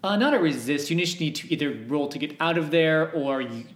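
A man's voice: on the high side, lively intonation, brisk. A man acting as game master for a tabletop role-playing game, talking with many fillers and restarts. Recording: echoey room.

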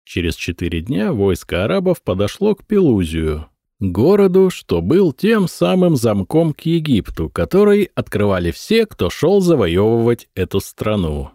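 A man narrating a historical audiobook in a measured, expressive reading. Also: mid-range voice, no echo, studio quality. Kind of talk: scripted narration.

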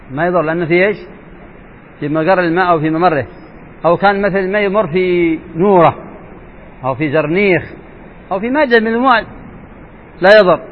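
A man sheikh teaching a jurisprudence lesson, asking his students questions and repeating key points. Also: high voice. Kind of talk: classroom lesson explaining a text. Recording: dull lo-fi recording with faint hiss.

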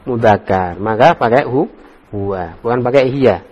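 A man's voice: medium pitch, a little slow, slightly rough, big-room sound, muffled recording. A male religious teacher leading a classroom Arabic grammar lesson. He quizzes his students one by one and explains each answer patiently, with the odd joke. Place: classroom study circle.

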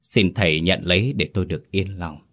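A man's voice: low voice, fairly quick, fairly bright tone. A man voicing a shaken middle-aged father who speaks in a choked, pleading way.

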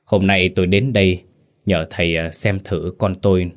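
A man's voice: low voice, fairly even intonation, normal speed, natural voice. A man voicing a grieving middle-aged mother who pleads and wails for her lost son. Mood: worried pleading. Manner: pleading, sobbing and wailing.

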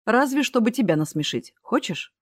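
A woman voicing a gentle, devoted young man in an audiobook. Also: a little high, very animated, normal speed, no echo, clean studio sound. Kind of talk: audiobook character reading.

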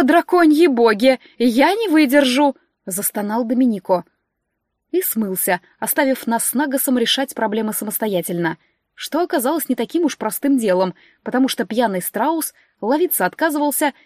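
A woman reading a story aloud as narrator, animated and shifting her voice for dialogue. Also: no echo, studio quality. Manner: animated, raises pitch and volume for dialogue. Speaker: audiobook narrator.

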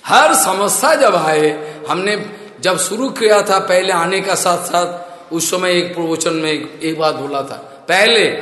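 Animated preacher man in an echoey hall. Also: a little high. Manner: animated storytelling, rhetorical asides. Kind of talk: Hindi religious discourse. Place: temple hall. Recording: echoey hall with long reverb.

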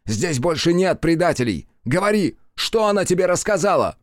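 A raging warrior leader from a fantasy audiobook who shouts at a traitor, his voice lifted high and loud, as a male reader acts him out. the sound is dry and close. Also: moderate pace, no echo, lightly acted. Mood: furious. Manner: shouting in rage. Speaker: audiobook narrator.

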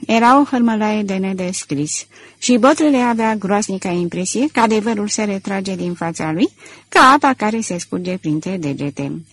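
Husky woman narrating an audiobook. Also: mid-range voice, no room sound. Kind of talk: scripted narration.

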